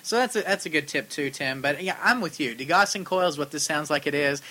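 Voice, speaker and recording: A man co-hosting a casual arcade-repair podcast, reading out listener questions and chatting in a lively, talkative way, with his voice starting to go. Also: a little high, fairly quick. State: losing his voice. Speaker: co-host answering viewer questions on arcade repair.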